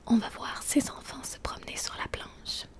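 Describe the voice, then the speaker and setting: Sneering pirate captain in a woman's whisper, whispered role-play, syrupy threats, breathy. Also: moderate pace, natural voice.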